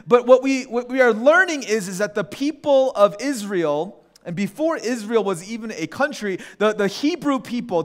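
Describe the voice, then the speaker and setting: A man preaching a sermon in a conversational, animated way, with quick restarts and acted asides. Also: high voice. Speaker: pastor.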